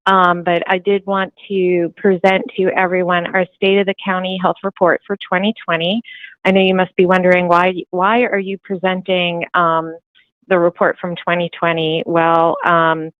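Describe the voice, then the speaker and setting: Woman on a tinny phone line presenting a report, lowish voice, lots of ums. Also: level tone, normal speed, dry recording. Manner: hesitant, many ums and restarts. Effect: heard over a phone line. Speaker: county health department presenter. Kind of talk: presenting a report at a public meeting.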